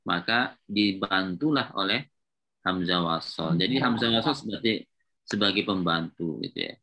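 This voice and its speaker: Man, Arabic grammar lesson, lowish pitch, bright tone, patient and repetitive. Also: animated, normal speed. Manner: patient, repetitive, checks with students often. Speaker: Islamic teacher of Arabic grammar. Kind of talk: classroom lecture at a whiteboard.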